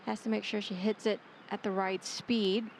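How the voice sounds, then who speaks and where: A woman's voice: mid-range voice, level tone, normal speed, vocal fry, noisy background. A woman giving live golf analysis as a co-commentator.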